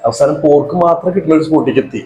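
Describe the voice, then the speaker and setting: A man's voice: on the high side, rapid-fire, warm tone, slight background noise, poor audio. A man chatting casually and bantering as a companion on a food vlog. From Thrissur, Kerala. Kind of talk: casual chat.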